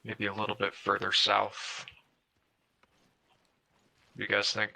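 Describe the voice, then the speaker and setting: A man's voice: fairly low pitch, completely flat delivery, measured pace, gravelly, pushed and bright, low-quality recording. A man planning squad positions over gaming voice chat.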